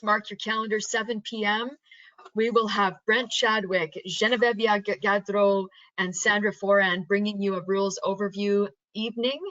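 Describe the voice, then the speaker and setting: A woman hosting a webinar over a video call. She is effusive and thanks her guests warmly. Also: mid-range voice, dry recording. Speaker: webinar host. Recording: dry, dull lo-fi webinar audio.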